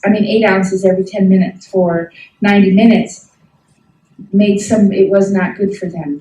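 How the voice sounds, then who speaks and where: A woman's voice: medium pitch, dark tone, highs cut off. A middle-aged woman teaching a health ministry class, folksy and emphatic, often asking the class questions. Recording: echoey room from a distant mic.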